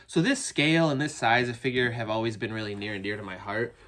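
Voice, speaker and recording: Sounding congested and somewhat phlegmy, a man unboxes action figures from his toy building and reviews them in a chatty, eager ramble full of restarts. His medium-pitched voice is a bit bright, with fairly even intonation and a quick pace.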